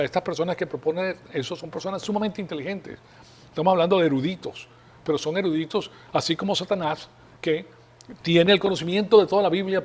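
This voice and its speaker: Male preacher, fairly high voice, patient explanatory sermon delivery. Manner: explanatory, rhetorical questions to congregation. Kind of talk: Bible teaching sermon.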